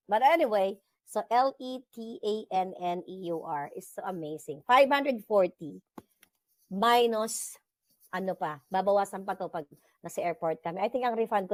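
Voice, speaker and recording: A woman's voice: mid-range voice, dry recording. Chatty Filipino woman host, dry sound. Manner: chatty, mixes Tagalog and English, laughs often. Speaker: livestream host. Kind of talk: casual chat with viewers.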